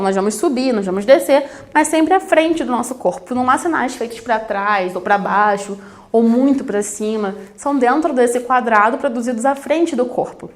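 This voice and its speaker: A woman from Brazil teaching a recorded video lesson on sign language, explaining directly to the camera and addressing her students. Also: a little high. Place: studio with plain backdrop. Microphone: camera-facing studio recording.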